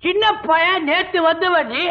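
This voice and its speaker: A man's voice: very high-pitched, unhurried. An actor playing a drunk, weepy male servant who blabbers gossip, in a 1980s film scene on a tinny soundtrack. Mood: tipsy, maudlin. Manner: slurred tipsy blabbering.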